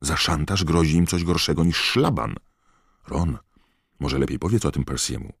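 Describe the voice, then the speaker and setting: Earnest schoolgirl witch, voiced by a man: anxious, questioning, low and dry. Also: lively intonation, moderate pace, vocal fry, breathy edge, no echo, heavily acted. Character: clever, earnest teenage girl witch.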